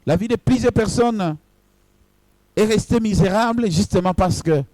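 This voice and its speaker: A man's voice: high voice, normal speed, dark tone, no room sound. A man, a pastor, preaching a sermon in short phrases and addressing his congregation directly.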